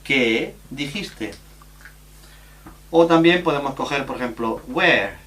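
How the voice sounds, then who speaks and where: A man from teaching a recorded grammar lesson, explaining rules slowly and spelling out letters and examples. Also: medium pitch, animated, sharp tone.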